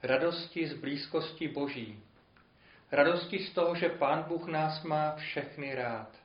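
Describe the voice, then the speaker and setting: A man preaches and tells a parable in a measured, earnest voice that rises for emphasis. His voice is fairly high for a man. The recording is echoey and a little muffled, with limited clarity. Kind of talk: sermon with a told parable. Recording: roomy, dull lo-fi recording.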